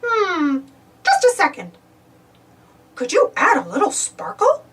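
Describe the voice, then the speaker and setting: Woman doing a high, bashful boy cartoon mouse. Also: wildly swooping pitch, takes it slowly, fairly bright tone, far from the mic, heavily acted. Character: Mickey, friendly bashful male cartoon mouse. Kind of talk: children's storybook character voice.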